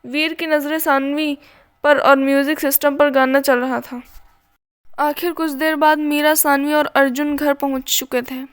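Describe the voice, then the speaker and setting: A woman narrating a scripted story in a measured, plain way. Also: sits high, flat delivery.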